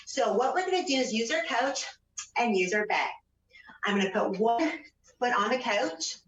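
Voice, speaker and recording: A woman leading a home workout as a fitness instructor, counting out repetitions and giving short, encouraging, energetic cues. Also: a little high, normal speed. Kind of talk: exercise class instruction with counting aloud. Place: indoors at home, room with a couch. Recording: roomy, distant, dull home-video sound.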